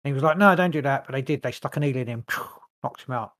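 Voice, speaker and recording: A podcast co-host with a mid-range, fairly bright voice rambles quickly through a story in loose, casual chat. His speech is full of fillers and restarts, and he swears now and then.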